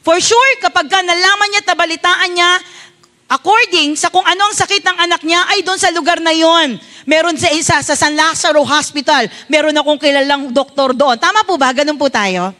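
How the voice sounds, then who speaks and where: High-voiced Filipino woman pastor preaching. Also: moderate pace, sharp tone. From Philippines. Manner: tells a personal story as a mother. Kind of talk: sermon.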